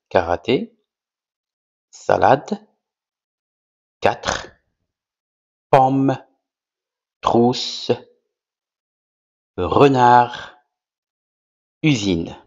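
A man giving a slow primary-school vocabulary lesson, repeating each word with careful, over-articulated pronunciation. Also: mid-range voice, lively intonation, dull audio. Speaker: teacher.

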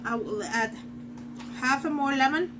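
A woman's voice: sits high, a little slow, noisy background. A middle-aged woman giving a casual cooking demonstration in her home kitchen, chatting to viewers as she works. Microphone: fixed camera in front of the counter.

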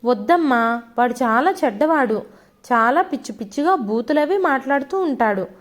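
A tearful, frightened teenage schoolgirl, as a woman reads her part, pours out her fears to her mother in pleading, sob-choked complaints. The voice sits high. It belongs to a storybook reading. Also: expressive, moderate pace.

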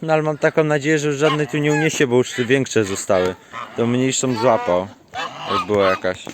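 A man talks casually outdoors in his farmyard, recording on a handheld camera as he walks around. He chats to the viewers and to his animals, scolding them and calling them in with a raised voice. His voice sits at an ordinary middle pitch, with a faint background hiss. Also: fairly even intonation, brisk. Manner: chatty, scolds and coaxes animals, calls them in a high voice. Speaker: farm vlogger. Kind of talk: casual chat while feeding animals.

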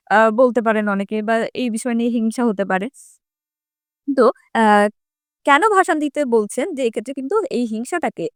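A woman's voice: fairly high pitch, a bit bright, dry recording, clean studio sound. A woman teacher explaining a set essay to school students. She reads quoted lines aloud and then explains them plainly, with frequent fillers.

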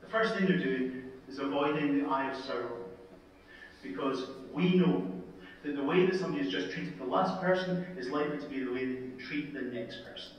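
A Scottish man, an emergency department consultant, telling a story in a talk with wry humour and punchy, dramatic pauses, played from a video into a conference hall. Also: medium pitch, recorded from a distance, lo-fi sound. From Scotland. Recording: video played into an echoey hall, heard from afar.

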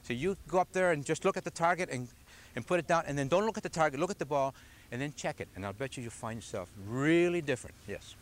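Recorded from afar on a camcorder, this older man leads a golf clinic on a grassy outdoor driving range, asking his group questions with patience. He talks quickly and animatedly in a slightly high voice.

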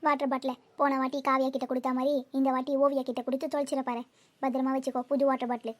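A woman's voice: high-pitched, flat delivery, very fast, heavy background noise, voice pushed down, close to an everyday voice. Woman doing a bossy cartoon big sister. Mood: teasing scold. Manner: scolding, teasing. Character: bossy, caring older sister, girl.

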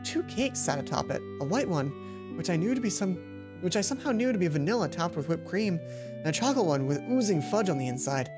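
This young adult man speaks in a high voice and at a fast clip. Hosting a let's play with game music in the background, he voices the visual novel's narration and interrupts it with vivid, theatrical reactions.

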